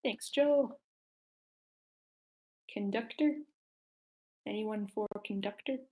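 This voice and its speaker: A woman with a mid-range, darkish voice speaks slowly as she hosts a table read over an online call. She's relaxed and polite while getting the group organized and casting parts.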